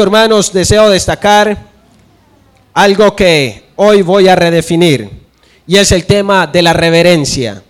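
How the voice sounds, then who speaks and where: A young man preaching a sermon, telling stories and acting out the dialogue. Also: high-pitched.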